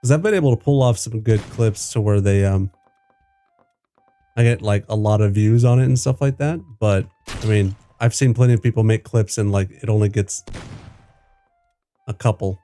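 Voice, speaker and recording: A man's voice: on the low side, normal speed, long pauses, dark tone, soft background music. A man streaming a game, chatting casually in a loose, rambling way with lots of fillers and swearing. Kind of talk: casual gaming stream chat.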